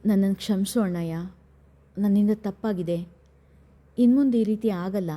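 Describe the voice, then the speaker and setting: A woman's voice: medium pitch, moderate pace, warm tone, close to an everyday voice. A woman voicing a remorseful young woman who pleads with a trembling voice. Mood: pleading.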